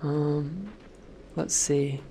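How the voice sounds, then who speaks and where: Gravelly gamer, slow and sweary. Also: male voice, a little high, mellow, a little hiss or hum. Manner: swears constantly, jumpy outbursts at sudden deaths. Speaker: let's play gamer. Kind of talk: gameplay commentary.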